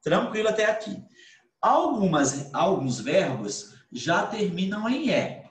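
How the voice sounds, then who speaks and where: A man's voice: high-pitched, very animated, slow. A man, an English teacher, explaining grammar in an online class, asking questions and answering them himself. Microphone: computer mic on video call. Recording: roomy video call audio.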